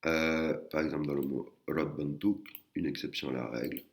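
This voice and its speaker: Male language teacher, very deep and gravelly, casual and halting, full of fillers. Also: steady tone. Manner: hesitant, many fillers and restarts; sounds out syllables slowly. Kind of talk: casual spoken lesson.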